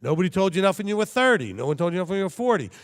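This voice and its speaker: This man's voice sits high and swings widely in pitch as he preaches rapid-fire in a large hall. Leading his congregation, he talks conversationally and checks in often through rhetorical questions.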